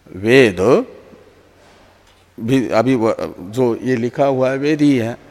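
Slow, patient male teacher in echoing hall. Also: mid-range voice. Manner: patient, repeats words and restarts, answers with a soft "haan". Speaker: teacher of Indian philosophy. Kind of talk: slow explanatory lecture with pauses for questions. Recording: long hall reverb.

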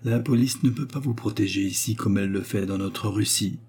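A man voicing a humble, secretive old man who speaks gravely and with respect. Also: fairly low pitch, fairly quick, a little mellow.

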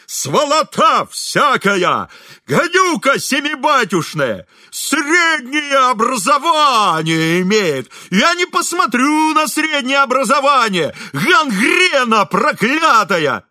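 A furious yard janitor screams abuse at the top of his lungs, high, strained and slow, each insult hurled out. The voice is bright and forceful, recorded dry and close. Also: sing-song, no echo, exaggerated voice. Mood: furious shouting. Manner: bellowing insults, shouting. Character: furious brawling male yard janitor, drunk with rage.

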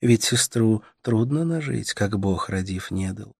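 Brief: gentle caring young woman, soft sing-song delivery, played by a male audiobook reader pitching up. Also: animated, unhurried, vocal fry, breathy edge, no echo, studio quality, heavily acted. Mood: tender. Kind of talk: audiobook character voice.

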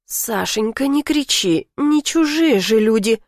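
A woman voicing a tired, gentle middle-aged mother who answers softly and evasively. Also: on the high side, lively intonation, a little slow, no room sound, clean studio sound. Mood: pleading. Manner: soft, pleading, evasive.

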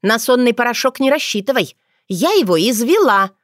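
A bold, sassy young witch from a storybook, played by a woman narrator. She talks high and cheeky with wide lively swings in pitch. The sound is dry and close. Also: moderate pace, no echo.

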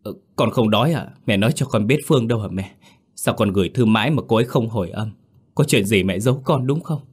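A man's voice: sits low, normal speed. A man voicing a young man who is frantic and heartbroken, pleading and crying out in an audio story. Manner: pleading, rising to anguished shouts.

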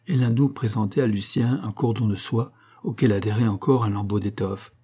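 Husky guy reading an audiobook, dark mellow tone, steady. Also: fairly low pitch, moderate pace. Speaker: narrator. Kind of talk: audiobook reading of an adventure novel.

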